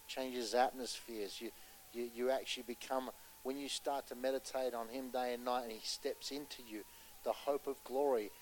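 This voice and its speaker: A man preaching a sermon with passion, pressing his points loudly and then dropping to a hushed voice to tell a story, and putting questions to his listeners. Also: medium pitch, slight background noise, poor audio. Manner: impassioned, swinging between loud urgency and hushed storytelling; asks the audience rhetorical questions.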